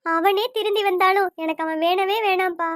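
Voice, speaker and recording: Woman doing a tearful young cartoon wife, very high voice, dry mic. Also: steady tone, brisk, fairly bright tone, no room sound. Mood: grieving. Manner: tearful, sorrowful. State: crying. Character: heartbroken young wife, betrayed daughter.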